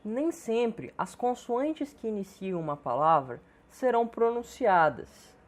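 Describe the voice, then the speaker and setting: A woman giving a scripted pronunciation lesson, speaking slowly and enunciating each word with deliberate care. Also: a little high, expressive. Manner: slow, careful, deliberate enunciation. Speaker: English teacher.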